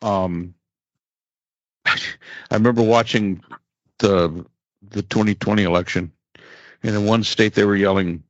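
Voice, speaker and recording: A man co-hosting a podcast, chatting casually and getting animated as he retells stories. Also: fairly low pitch, a little slow, pauses often, no echo, highs cut off. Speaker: podcast co-host. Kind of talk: casual political chat.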